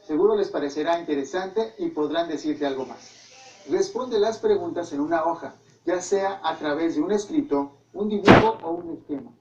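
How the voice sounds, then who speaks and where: A man's voice: fairly high pitch, darkish tone, a little hiss or hum. A man with a Mexican accent presenting an educational program, giving instructions directly to children. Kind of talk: scripted narration. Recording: echoey and distant, dull sound.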